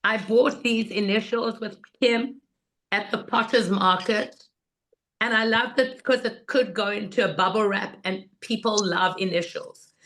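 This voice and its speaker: Woman, hoarse rusty voice from laryngitis, mid-pitched, informal workshop teacher, enthusiastic, instructive. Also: measured pace, fairly bright tone, poor audio. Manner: enthusiastic, instructive, repeats 'in other words'. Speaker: guest teacher of market selling.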